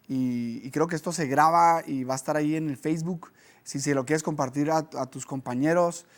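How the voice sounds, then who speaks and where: Man preaching conversationally. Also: a little high. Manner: conversational, with lively storytelling. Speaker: pastor. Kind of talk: sermon teaching.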